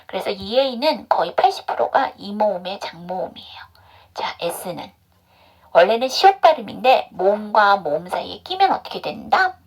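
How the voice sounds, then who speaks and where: Her medium-pitched voice is husky and sing-song, moving at a normal speed as she leads an online phonics lesson. This woman drills English pronunciation methodically, asking questions and supplying the answers herself.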